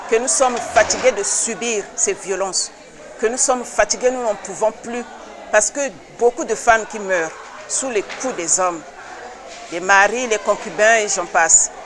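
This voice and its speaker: A woman from the Republic of the Congo, president of an association, answering interview questions earnestly and insistently, with hesitant pauses. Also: medium pitch, a crowd in the background, noisy background.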